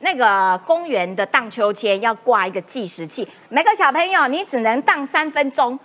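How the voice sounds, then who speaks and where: A woman's voice: a little high, animated, normal speed, a bit bright. A woman with a Taiwanese accent hosting a casual political chat show. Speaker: talk show host.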